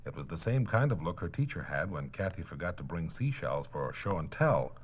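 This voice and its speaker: A man narrating a children's story in a gentle, playful storytelling manner on an old mono record. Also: low-pitched, sing-song, fairly quick, slightly rough.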